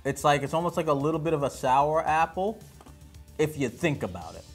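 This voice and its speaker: A man's voice: on the high side, expressive, fairly quick, slightly rough, faint music behind. A man hosting a casual unboxing chat with his wife, joking and rambling with self-deprecating humor. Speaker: host.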